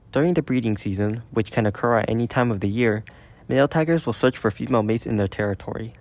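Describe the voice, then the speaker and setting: A man's voice: mid-range voice, a little mellow. A man reading scripted, factual nature documentary narration.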